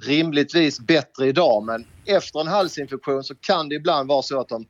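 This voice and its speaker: A man calling in as a guest expert, giving informed, measured analysis. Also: fairly high pitch, dry recording. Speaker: guest on a call-in line. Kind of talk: phone-in expert chat. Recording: dull lo-fi line.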